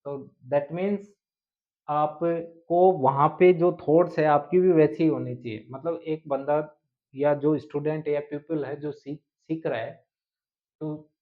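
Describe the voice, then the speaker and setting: A man lectures like a coaching-class teacher, steadily explaining and asking rhetorical questions. His voice sits a little high. The sound is thin and tinny, like a phone line. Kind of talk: exam-prep lecture mixing Hindi and English.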